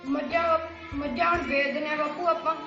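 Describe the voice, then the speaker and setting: A man's voice: very high voice, little pitch movement, brisk, sharp tone, muffled recording, soft background music, heavily acted. A man playing a worried young farmer's son who comforts his father. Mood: consoling. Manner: reassuring, consoling. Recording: echoey room.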